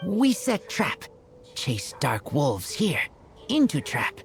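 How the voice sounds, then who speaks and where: Brief: game role, earnest feral boy raised by wolves, low register, unhurried, terse, loyal. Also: wildly swooping pitch, creaky, faint music behind, full character voice. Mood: focused. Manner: simple clipped broken-English phrasing. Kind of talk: video game voice acting.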